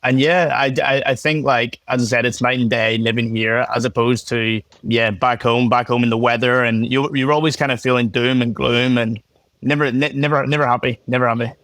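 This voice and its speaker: A young man with a strong Belfast accent talks in a relaxed, chatty way, full of little fillers and restarts. His voice sits at an ordinary pitch and sounds dry and close. He comes across as a casual podcast guest on a video call. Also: a little fast, dry recording. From Northern Ireland. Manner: laid-back, chatty, many fillers and restarts. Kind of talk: casual interview chat.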